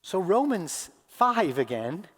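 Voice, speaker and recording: A male pastor giving a sermon. He speaks slowly and deliberately, dropping to a hush and then rising to loud, impassioned cries. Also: high-pitched, very animated. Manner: dramatic swings from hushed to loud crying out; slow, deliberate delivery with long pauses. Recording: long hall reverb.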